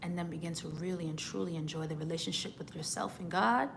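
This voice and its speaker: A woman's voice: fairly low pitch, fast talker, creaky, background noise. A woman, a singer, giving an earnest motivational talk, often repeating words as she starts a thought.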